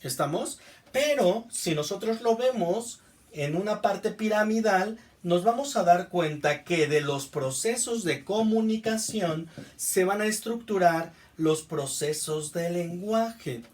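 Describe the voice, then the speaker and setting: A man's voice: high-pitched, expressive, slow pace. Mexican man lecturing, somewhat distant. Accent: Mexican Spanish. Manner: repeats "¿estamos?" to check understanding. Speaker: teacher. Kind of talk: classroom lecture.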